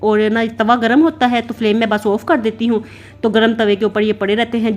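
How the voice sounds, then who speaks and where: Voicing over her vlog about home cooking and her routine, a Pakistani woman in her thirties talks chattily and rambles, leaning heavily on the filler "na." Her voice runs on the high side with a darkish tone, and the narration was recorded separately.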